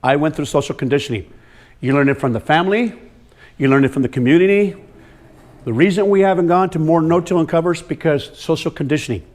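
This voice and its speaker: Here a soil health speaker addresses farmers at a quick pace, his fairly high, darkish voice hammering points home through repetition. He moves through the room, speaking straight to listeners and calling on them directly.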